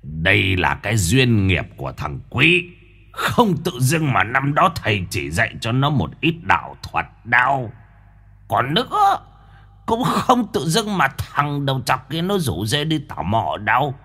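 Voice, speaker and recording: Man doing an old ghostly master, gruff, cryptic, slow, husky, low voice. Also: wildly swooping pitch, bright, forceful tone, exaggerated voice. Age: older. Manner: slow, gravelly mock-wise lecturing.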